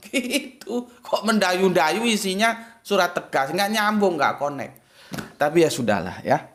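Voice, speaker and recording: Chatty man giving a lesson. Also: a bit bright. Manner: chatty and emphatic, with big swings of pitch to stress points. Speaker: religious teacher speaking to his viewers. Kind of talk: casual spoken lesson.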